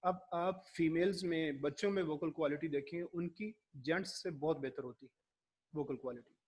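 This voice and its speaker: A man giving a classroom lecture, explaining slowly and acting out his examples. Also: on the high side, a little mellow, husky.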